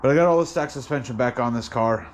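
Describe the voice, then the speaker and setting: A man giving a casual car vlog in a tired, sedated, halting way, sounding drowsy and medicated. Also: mid-range voice, slight background noise. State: tired and drugged on muscle relaxers. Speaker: car vlogger and home mechanic.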